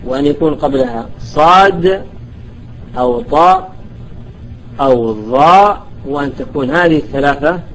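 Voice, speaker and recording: Man teaching recitation rules, slightly high voice. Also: rough recording. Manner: slowly recites example words one by one, then explains quickly; checks with students, asking "ها؟". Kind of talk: classroom lesson on recitation rules.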